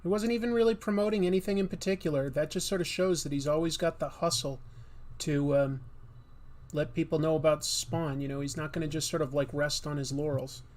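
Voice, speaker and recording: Hosting a relaxed comics livestream as he draws, this comic artist speaks a little fast in a steady, slightly high and somewhat mellow voice with a touch of nasality. He rambles chattily, using lots of fillers and restarting often.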